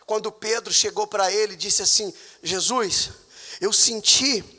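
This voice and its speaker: A man with a Brazilian Portuguese accent preaching a sermon as pastor in a church, with emphatic, sudden loud high outbursts. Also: fairly even intonation, a little slow, long reverb tail. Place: church hall.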